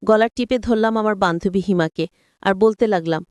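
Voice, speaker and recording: A woman's voice: mid-range voice, normal speed, a little mellow, no room sound. Woman telling a first-person story. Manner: addresses listeners directly.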